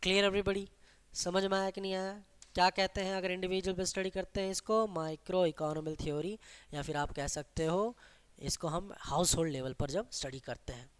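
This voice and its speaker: Economics teacher, exam-prep lecture, self-answered questions, slow dictation of key terms, mid-pitched voice. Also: steady tone, clean tone. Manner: asks the class questions and answers them itself; mixes English terms into Hindi explanation.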